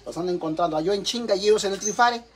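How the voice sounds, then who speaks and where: A man's voice: high voice, rapid-fire, a little hiss or hum. A middle-aged man with a Mexican accent ranting casually to his viewers in an exasperated, profane way. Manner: exasperated, swears a lot. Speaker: vlogger. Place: home kitchen.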